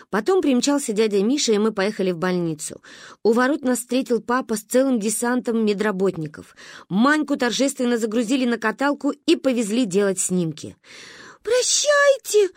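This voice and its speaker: A woman reading a children's story aloud in an expressive, animated way. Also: fairly high pitch, no room sound, studio quality.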